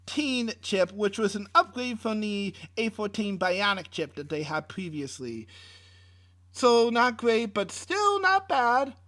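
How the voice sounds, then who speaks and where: A man's voice: high voice, a bit bright. A man co-hosting a casual tech podcast, reading specs with many fillers and restarts in a laid-back way. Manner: laid-back, swears mildly. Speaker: podcast co-host. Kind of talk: casual chat.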